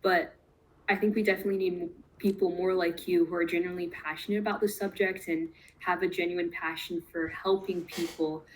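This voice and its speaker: Upbeat woman host, lower voice. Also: fairly even intonation, brisk, a little hiss or hum, low-quality recording. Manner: upbeat, enthusiastic. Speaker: interview host. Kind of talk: hosting an online Q&A.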